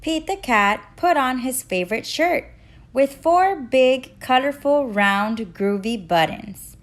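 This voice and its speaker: Female children's storyteller, high register, very unhurried delivery, expressive and interactive with young listeners. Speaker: teacher and children's read-aloud host. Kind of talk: children's picture book read-aloud with sung refrains.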